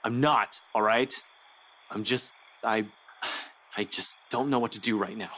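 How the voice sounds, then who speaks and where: Defensive, rattled young man in a game: bright, tense tone. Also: fairly low pitch, measured pace, poor audio. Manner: defensive, flustered. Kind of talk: voiced visual novel game dialogue.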